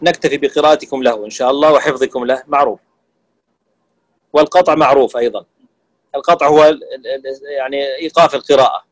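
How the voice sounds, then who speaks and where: A man teaching Quran recitation rules to students, explaining terms and slowly demonstrating how sounds are pronounced. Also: fairly high pitch, dry recording, poor audio. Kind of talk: classroom lesson on tajweed.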